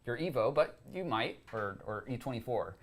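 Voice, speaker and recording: A young man co-hosting a coffee gear show, explaining equipment in a relaxed, casual way with frequent ums and uhs. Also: mid-range voice, normal speed. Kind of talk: casual product chat.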